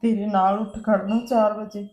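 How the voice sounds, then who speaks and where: A woman's voice: medium pitch, little pitch movement, normal speed, darkish tone, natural voice. An actress playing a wounded aunt who plaintively complains that no home counts her as its own. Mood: aggrieved. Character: hurt aunt who lives with her brother's family. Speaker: sister-in-law, married daughter of the house. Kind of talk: Punjabi family drama acting.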